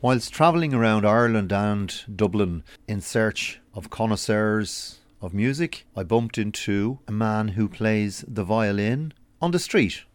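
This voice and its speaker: Low-voiced male radio presenter, dry sound. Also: lively intonation, smooth, no room sound. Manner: measured, scripted. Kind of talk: radio feature narration and interviewing.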